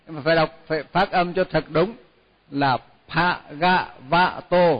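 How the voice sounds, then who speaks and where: A man teaching Pali chanting, intoning each word slowly and repeating it, then explaining pronunciation in a relaxed, chatty way with small laughs. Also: fairly high pitch. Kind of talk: chanting lesson with spoken explanation. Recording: dull lo-fi sound with long hall reverb.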